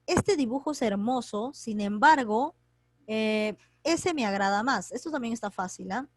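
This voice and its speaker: A woman teaching an online grammar class, talking quickly and chattily as she quizzes students by name. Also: fairly high pitch, expressive, no room sound. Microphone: computer mic on a video call.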